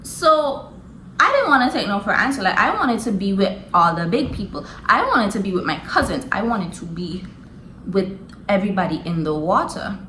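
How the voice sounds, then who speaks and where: Animated young woman with lively pitch. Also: moderate pace, reverberant, a little hiss or hum, rough recording. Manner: animated, slangy, laughing often. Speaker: vlogger. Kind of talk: casual storytelling.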